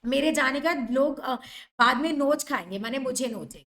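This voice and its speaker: A woman's voice: high-pitched, normal speed, a bit bright. A young woman teacher who reads a novel passage by passage and explains each line in simple words.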